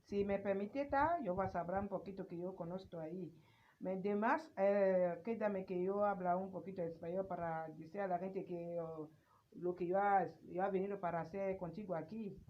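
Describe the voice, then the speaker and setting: A woman from Mexico with a Spanish accent, speaking in halting, repetitive broken French mixed with Spanish. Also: medium pitch, fairly even intonation. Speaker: visitor. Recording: dull lo-fi with faint noise.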